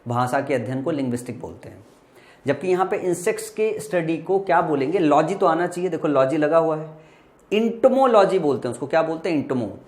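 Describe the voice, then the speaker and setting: Higher-pitched Indian man teaching vocabulary. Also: animated, a little fast, a little mellow. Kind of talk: exam-prep lesson.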